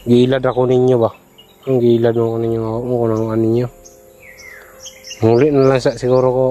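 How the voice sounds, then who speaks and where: A man, talking casually in a vlog, soft-spoken and pleading as he coaxes. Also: medium pitch, level tone, brisk, highs cut off, slight background noise. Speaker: vlogger.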